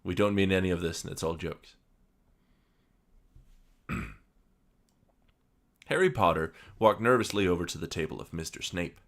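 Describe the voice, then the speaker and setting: A man hosts a podcast, mixing casual chat with reading a story aloud, and his deadpan, dry humor comes with plenty of fillers. His voice sits low, and he speaks at a moderate pace with long pauses.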